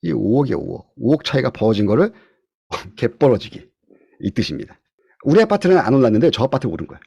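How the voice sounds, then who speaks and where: A man teaching real estate investing in an online video-call lecture, often putting questions to his class and swinging between loud and soft. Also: medium pitch, sing-song, rapid-fire, gravelly, husky, dry recording. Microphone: computer mic on a video call.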